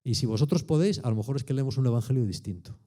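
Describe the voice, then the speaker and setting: A man's voice: mid-range voice, very fast, dark tone. A man in his sixties with a Spanish accent preaching a sermon in a colloquial, emphatic way, full of rhetorical tags. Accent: Spain Spanish. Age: 60s.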